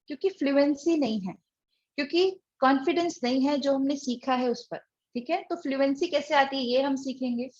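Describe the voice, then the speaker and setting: A high-pitched woman teaches a spoken English lesson, her first language being Hindi. She explains each point in order, poses rhetorical questions and keeps checking in with her listeners. The audio is a little dull and lo-fi. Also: moderate pace, darkish tone. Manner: explains step by step with many rhetorical questions and "ठीक है" check-ins.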